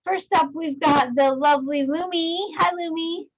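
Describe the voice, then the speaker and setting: A woman hosting a casual online show, loud and bubbly, over a desk mic with a harsh, staticky edge. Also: very high voice, normal speed, muffled recording. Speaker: host. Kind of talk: casual video-call chat. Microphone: USB desk microphone.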